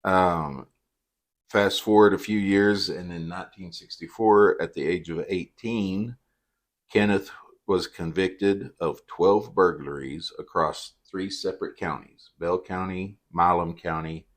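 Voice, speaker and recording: Very deep-voiced man, deadpan. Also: a little slow. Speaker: podcast co-host. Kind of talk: casual true-crime podcast chat.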